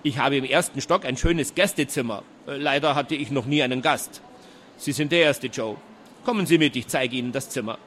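A man voicing an excitable elderly inventor professor in a storybook reading, fussy and quick to shout. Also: medium pitch, a little hiss or hum, close to an everyday voice. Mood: welcoming. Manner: agitated, shouts when upset.

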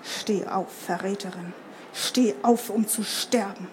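A woman's voice: medium pitch, fairly even intonation, measured pace, a little mellow, voice pushed down, lightly acted. A woman voicing a cold, hostile tree warrior. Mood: cold threat. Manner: icy, hissing threats.

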